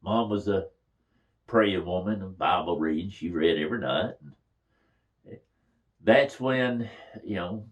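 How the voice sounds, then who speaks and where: An older man tells family memories in a casual, folksy way. His voice sits a little low, and he chuckles now and then as he talks. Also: unhurried, long pauses, lo-fi sound. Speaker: storyteller. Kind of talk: casual reminiscing.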